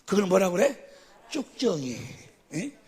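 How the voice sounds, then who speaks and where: A man preaching at a church seminar, who keeps quizzing the audience and calling for amens, sometimes bursting into shouts. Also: high-pitched, very animated, a little slow, slightly rough. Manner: quizzes the audience with constant questions; calls for amens after each point. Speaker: pastor. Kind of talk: seminar sermon teaching.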